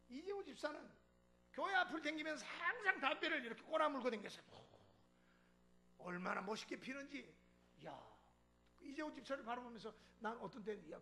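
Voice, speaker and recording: A pastor delivers a sermon in the church sanctuary, animatedly performing a story's dialogue and breaking into chuckles. He has a very high voice with vocal fry, and there is slight background noise.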